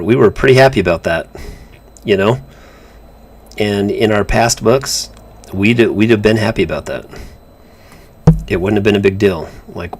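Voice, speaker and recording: A man with a lowish voice chats through a live drawing session. He rambles, repeats words and restarts his sentences. Faint noise sits under his voice. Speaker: comic artist co-host. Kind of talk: casual chat while drawing on a livestream.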